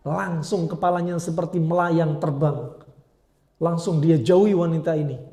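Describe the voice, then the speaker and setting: A man's voice: fairly high pitch, fairly even intonation, moderate pace, dark tone, reverberant. A man preaching an Islamic study lecture, retelling stories in colloquial speech sprinkled with Arabic phrases.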